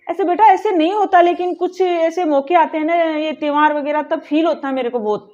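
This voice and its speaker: A woman's voice: very high-pitched, fairly even intonation, fairly quick, a little mellow. A woman playing an aggrieved mother-in-law who complains and scolds in a family drama. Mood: indignant. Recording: dull lo-fi audio with faint music.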